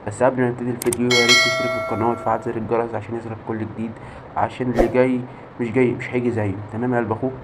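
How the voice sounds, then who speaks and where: A man's voice: fairly low pitch, heavy background noise. A man with an Egyptian Arabic accent walking viewers through a modded app, boastful and repeating his catchphrases. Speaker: YouTuber showing off a modded app. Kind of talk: hyped screen walkthrough.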